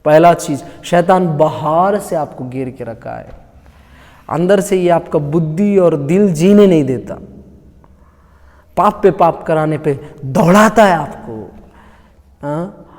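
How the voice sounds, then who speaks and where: A man's voice: a little high, takes it slowly, long pauses, darkish tone. A male pastor giving a casual, conversational sermon that keeps asking the congregation questions. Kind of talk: Hindi sermon. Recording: long hall reverb.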